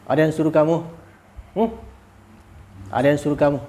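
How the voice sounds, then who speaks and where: A man's voice: a little high, steady tone, moderate pace, dark tone. Commanding healer man. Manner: commanding, repetitive questioning. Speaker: spiritual healer. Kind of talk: exorcism session.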